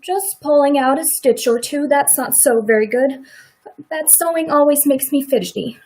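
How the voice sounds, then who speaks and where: In a radio play, a woman with a high-pitched, natural voice plays a middle-aged farm wife at a moderate pace. The character is sympathetic, quietly indignant and plain-spoken in a folksy rural way, with a curious, fidgety mood.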